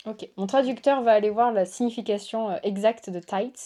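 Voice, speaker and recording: A tarot reader who hosts her own channel chats casually during an unboxing, her medium-pitched voice mellow and at normal speed. She gushes over the cards she shows her viewers, exclaiming "waouh" and "oh là là" again and again.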